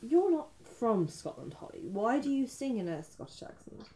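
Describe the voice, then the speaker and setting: A woman playing a dry, deadpan interviewer. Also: on the high side, moderate pace, breathy edge. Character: dry, patient female documentary maker. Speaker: documentary interviewer. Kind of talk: mockumentary interview.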